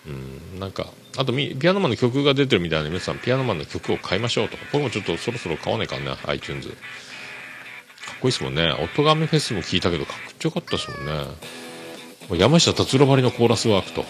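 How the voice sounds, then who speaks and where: A man's voice: on the low side, sing-song, rapid-fire. A man rambling easygoingly through a solo podcast, full of fillers. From Kyushu, Japan. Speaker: podcast host. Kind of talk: casual solo podcast talk. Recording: clear background music under voice. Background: music.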